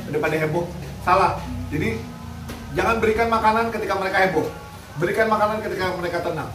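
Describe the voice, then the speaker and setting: A man chatting casually, giving blunt, joking advice on dog training and care. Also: high-pitched. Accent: Indonesian. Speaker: dog rescue activist. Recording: roomy, distant mic, faint noise.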